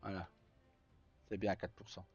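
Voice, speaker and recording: Faint music plays behind a low-pitched, slightly rough male voice that stays flat and unhurried. He's live-streaming, talking informally to viewers and explaining things with hesitation and plenty of repetition, all picked up by a roomy, dull lo-fi mic.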